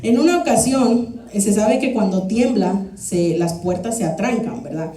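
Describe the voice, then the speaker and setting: A young woman, preaching a sermon in a lively, humorous, storytelling way in a church hall. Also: mid-range voice, moderate pace. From Guatemala. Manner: animated, humorous, acts out shouts. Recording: echoey church hall from far off.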